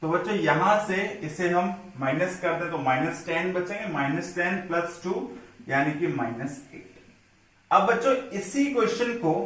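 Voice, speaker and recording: Man, maths teacher, high voice, very echoey room. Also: a bit bright, recorded from a distance. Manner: step-by-step explaining, addressing students as children. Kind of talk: classroom lesson.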